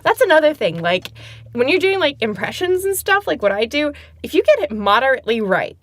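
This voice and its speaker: A woman's voice: high-pitched, big pitch swings, a little fast, a bit bright, no room sound. A woman co-hosting a casual podcast, talking in a chatty way with lots of fillers and easy laughs. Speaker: podcast co-host. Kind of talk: casual chat.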